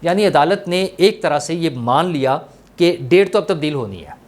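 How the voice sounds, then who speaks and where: Higher-voiced Pakistani male commentator. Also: moderate pace. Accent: Pakistani Urdu. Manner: explanatory, steady talk with fillers. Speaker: political commentator and host. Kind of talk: solo political analysis.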